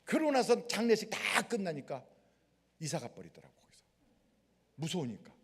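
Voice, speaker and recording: A male pastor with a high, husky voice preaches at a moderate pace in a large worship hall with long reverb. His sermon features animated storytelling, acting out the people in his stories vividly.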